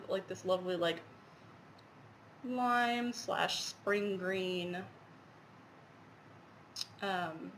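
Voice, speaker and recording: Her pitch sits fairly low while her tone is fairly bright, and the recording is poor with a bit of hiss or hum. Congested from a head cold, the cross-stitch vlogger rambles casually with many fillers as she shows her projects.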